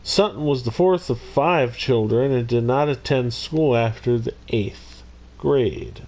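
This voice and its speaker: A man's voice: mid-range voice, slow, darkish tone. A man hosting his own video, casually narrating a criminal history and breaking off into rambling jokey asides. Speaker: YouTube host. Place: Missouri.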